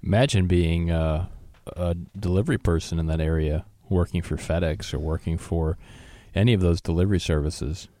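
A man with a very low voice talks through a news story with his co-host. He speaks loosely, full of ums and restarts, into a close mic with a dry sound. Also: steady tone, moderate pace, dark tone, no echo. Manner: conversational, many fillers and restarts. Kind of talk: casual news discussion.

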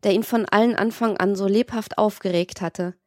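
A woman's voice: mid-range voice, fairly even intonation, darkish tone, no echo. Woman narrating an audiobook, dry sound. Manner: measured, literary storytelling.

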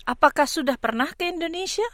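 A woman hosting a radio interview conversationally, putting her questions in an unhurried way and often rephrasing them. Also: high-pitched, animated, fairly bright tone, dry recording, studio quality.

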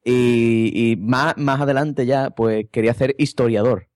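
Male co-host, mid pitch, lively storyteller, dry close mic. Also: measured pace, dry recording. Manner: lively storyteller, repeats words. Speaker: podcast co-host. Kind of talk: casual anecdote-telling chat.

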